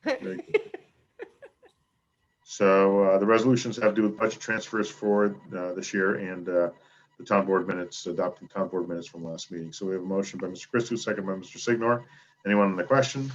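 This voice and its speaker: Deep-voiced man chairing a video meeting. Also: fairly even intonation, muffled recording, slight background noise. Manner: brisk procedural, with filler-laden explanations. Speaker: town supervisor chairing the board. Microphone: video call.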